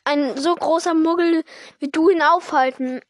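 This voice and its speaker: A woman voicing a big, gruff, kind-hearted male giant while reading a story aloud. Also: high-pitched, fairly even intonation, measured pace, slight background noise.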